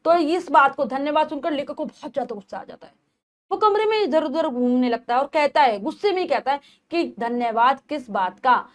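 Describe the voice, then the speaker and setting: A woman's voice: high voice, animated, brisk. A woman teacher who reads a story aloud in short passages and then retells each part in simple words for her students. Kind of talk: explaining and reading a textbook story.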